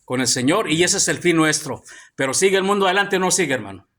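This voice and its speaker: The pastor's voice sits a little high, bright and forceful, moving at a fast, animated clip. He is preaching in a church hall, constantly calling "hermano" to those assembled.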